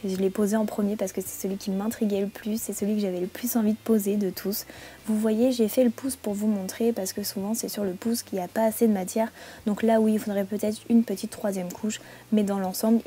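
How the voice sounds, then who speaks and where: A woman vlogger chatting casually in her bedroom while reviewing products, relaxed and chatty with frequent hesitations. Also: mid-range voice. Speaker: beauty vlogger.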